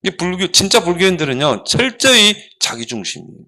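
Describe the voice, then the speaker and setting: Animated, bright-voiced male preacher. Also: high-pitched, a little fast. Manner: animated, asks the children rhetorical questions. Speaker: pastor. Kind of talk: children's sermon.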